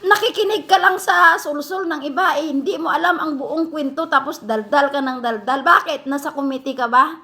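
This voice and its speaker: A woman delivers a heated vlog rant straight to her critics. Her voice sits high and bright, with a sharp, forceful edge. She scolds them and fires off one rhetorical question after another. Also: moderate pace. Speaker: vlogger answering critics. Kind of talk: heated direct-to-camera rant.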